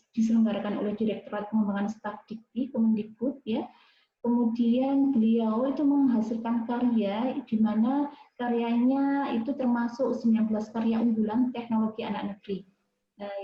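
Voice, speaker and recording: A woman moderator with a fairly high voice introduces a guest over a video call, pausing often on fillers and tagging her sentences with little questions. The sound is roomy and echoey, and the audio is dull and a bit lo-fi, with faint noise underneath. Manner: hesitant, many fillers and tag questions. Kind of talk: reading out a speaker's CV at an online lecture.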